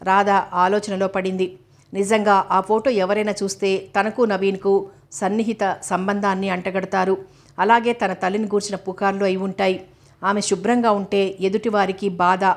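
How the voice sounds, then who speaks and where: Woman, audiobook narration, steady reading, flat intonation, mid pitch.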